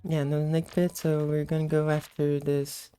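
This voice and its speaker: A woman giving casual, unhurried gameplay commentary in a sleepy, just-woke-up morning voice. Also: low-pitched, level tone, warm tone, clean tone, soft background music, rough recording. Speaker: gameplay host.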